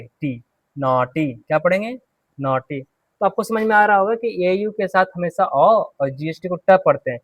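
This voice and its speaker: Male teacher, slightly high voice, dry close sound, drills each word and repeats it. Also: no echo. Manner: slow, repeats words and asks students to repeat; drills words one by one, quizzing the class. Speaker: English teacher. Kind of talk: classroom pronunciation lesson.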